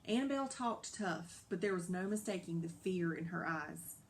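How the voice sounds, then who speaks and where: A woman narrating a children's novel aloud in a lively, dramatic storybook style. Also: lowish voice, normal speed, a little hiss or hum. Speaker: audiobook narrator.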